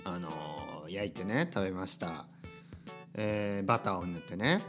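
A man's voice: deep voice, a little slow, music in the background. A man in his thirties hosting a Japanese-learning podcast, talking unscripted and rambling off topic at home while the washing machine runs. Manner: rambling, drifts off topic, tags sentences with "ne". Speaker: podcast host teaching Japanese. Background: washing machine running.

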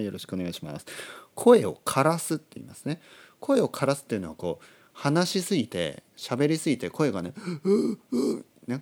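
A man hosting a casual podcast monologue for learners, speaking slowly and clearly, repeating himself and explaining words simply. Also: lowish voice, a little mellow. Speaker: podcast host for Japanese learners.

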